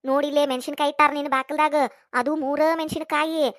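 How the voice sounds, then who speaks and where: A woman voicing an excitable gossiping village woman with a North Karnataka Kannada accent, in a cartoon. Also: sits high, quick pace, no echo, studio quality.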